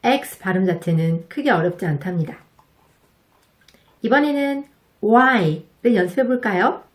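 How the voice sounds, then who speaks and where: A woman teaching English pronunciation to Korean speakers, explaining politely and patiently and modeling each sound slowly and clearly. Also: medium pitch, lively intonation. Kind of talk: slow, careful instructional narration.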